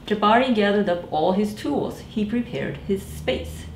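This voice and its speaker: A woman in her thirties, a librarian, leads a read-aloud storytime for children, acting out the characters and speaking straight to her young audience with lots of animation. Her medium-pitched voice is unhurried, and the small indoor library room is echoey with slight background noise.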